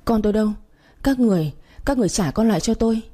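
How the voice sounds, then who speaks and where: A woman voicing a young wife pleading desperately for her lost child, in a husky storybook reading. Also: mid-range voice, fairly quick, warm tone, close to an everyday voice. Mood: frantic. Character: young wife frantic over lost baby.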